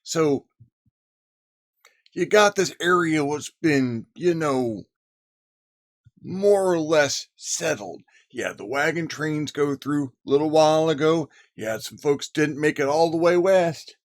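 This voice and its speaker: A man's voice: on the high side, takes it slowly, pitched above the performer's own voice. A man slipping into a folksy Old West cowboy voice, raised well above his own, while talking about frontier towns. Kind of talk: cowboy voice in a monologue.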